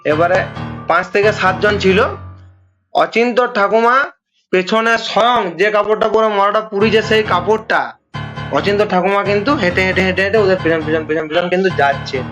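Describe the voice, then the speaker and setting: A man's voice: high-pitched, normal speed, a bit bright, faint music behind. A man telling a ghost story in a casual chat, repeating phrases for effect. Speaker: guest storyteller.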